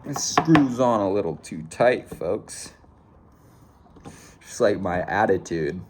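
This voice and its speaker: An American man in a casual DIY car repair vlog, muttering low and sighing as he works on a stuck part. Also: lively intonation, slow pace, background noise. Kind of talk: casual chat while working.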